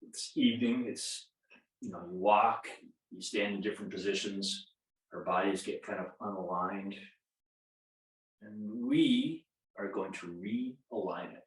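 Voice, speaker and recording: Fifties male yoga coach, lowish voice, joking at himself, echoey room, a bit off-mic. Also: a little slow, recorded from a distance. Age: 50s. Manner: self-deprecating, chuckles at own jokes. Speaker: yoga instructor. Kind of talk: guided yoga class instruction. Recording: roomy echo, voice from off-mic.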